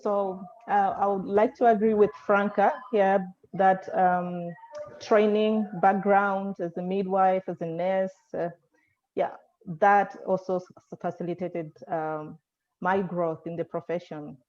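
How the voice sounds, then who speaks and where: A woman from Malawi, an advocacy manager, answering thoughtfully on a panel with many pauses and fillers. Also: mid-range voice, fairly even intonation. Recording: dull video call audio.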